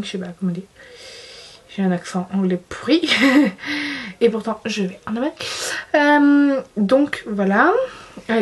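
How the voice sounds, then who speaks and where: The beauty vlogger here has a husky, mid-range voice with a darkish tone. She chats about her favorite makeup in a giggly, self-deprecating way, restarting her sentences often.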